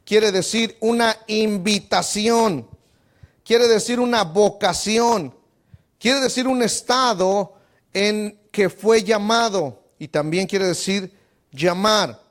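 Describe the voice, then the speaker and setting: A male pastor teaches Scripture in a methodical way. His voice sits high and he moves at a slow, deliberate pace, repeating words as he thinks. He addresses the listeners as brother and punctuates his points with amen. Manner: methodical, spells out word accents and Strong numbers, addresses listeners as brother; frequent amens and repeated stammered words. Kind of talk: Bible teaching lesson.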